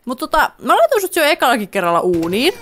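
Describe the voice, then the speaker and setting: A young-sounding woman with a Finnish accent plays through a game and comments on it as she goes. She giggles a lot and keeps talking to the character on screen. Her voice sits high and moves up and down in a lively way. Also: background noise. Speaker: gaming YouTuber. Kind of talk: let's play commentary.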